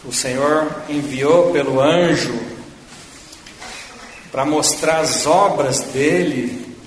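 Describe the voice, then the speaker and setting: Slow fervent preacher in echoey hall. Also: male voice, on the high side, slight background noise. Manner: slow, fervent preaching that rises then drops to a hush. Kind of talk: sermon. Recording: echoey hall with long reverb.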